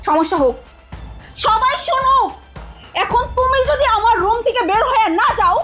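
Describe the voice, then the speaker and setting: A woman acting a hot-tempered young wife in a TV family drama, her voice very high and her words tumbling out fast. She demands and scolds without letting up, with soft music playing underneath. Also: expressive. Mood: furious.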